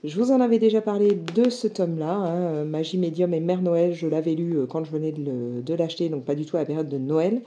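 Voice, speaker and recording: A woman in her thirties talks through a book haul in a relaxed, chatty way, full of little fillers and bursts of enthusiasm. Her voice sits low and sounds very dark and mellow. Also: brisk, few pauses, muffled recording. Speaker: book vlogger. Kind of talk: casual book haul chat.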